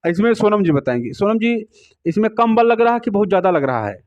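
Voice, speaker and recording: A man leads a music class, going over the notes patiently and checking in with his students as he goes. His voice sits fairly high. The recording is a little dull and lo-fi. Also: big pitch swings, quick pace, darkish tone. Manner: patient, repetitive, asks students questions. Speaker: music teacher. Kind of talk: music lesson explaining swaras to students. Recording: slightly dull, lo-fi sound.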